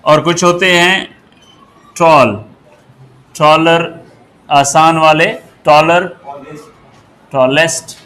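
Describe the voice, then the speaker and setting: A man teaching English grammar, asking the class questions as he goes and spelling words out slowly. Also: a little high, fairly bright tone. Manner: slow and deliberate, asks the class rhetorical questions and spells words out. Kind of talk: grammar lesson.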